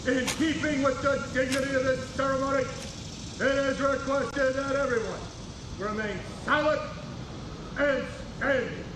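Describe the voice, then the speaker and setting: A man making a formal public-address announcement as sergeant of the guard at an outdoor ceremony, with measured military delivery. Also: very high voice, steady tone. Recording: echoey outdoor broadcast with ambient noise.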